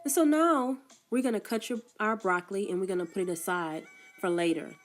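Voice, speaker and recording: In a food truck kitchen, a woman with a cold gives a casual cooking demonstration, laying out a recipe in plain steps while sounding congested and coughing frequently. Her medium-pitched voice is expressive and fairly quick, with soft music in the background.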